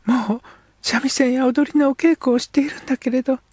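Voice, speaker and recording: Guy doing a high breathy young edo girl, pleading, husky, storybook reading. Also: steady tone, brisk, darkish tone, no echo, studio quality. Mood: pleading, earnest. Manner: pleading, breathy half-whispers. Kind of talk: audiobook character voice.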